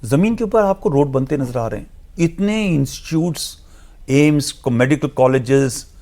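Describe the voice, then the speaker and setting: Gravelly man explaining at length. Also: medium pitch, expressive, dark tone. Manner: measured, lecturing, mixes in English phrases. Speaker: guest analyst. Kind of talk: explanatory TV discussion.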